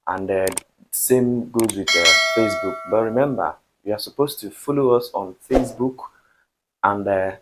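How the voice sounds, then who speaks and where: A man from Nigeria teaching a beginner language lesson, speaking slowly and repeating each word for practice. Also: fairly low pitch, background noise.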